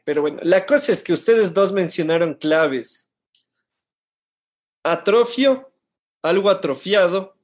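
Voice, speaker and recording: A man moderating a discussion panel, talking in a loose, conversational way and thinking aloud. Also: a little high.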